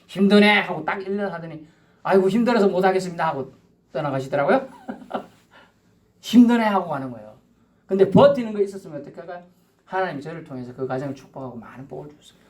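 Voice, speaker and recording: A male pastor preaching a Sunday sermon in a conversational, animated way. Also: fairly high pitch. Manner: conversational, animated, with acted-out asides.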